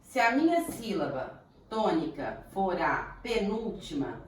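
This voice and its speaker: A Brazilian woman teaching a children's grammar lesson, slow and deliberate, stretching words to sound out their syllables. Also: mid-range voice, very animated, a little hiss or hum. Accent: Brazilian Portuguese. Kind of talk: primary school grammar lesson. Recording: echoey room, voice from a distance.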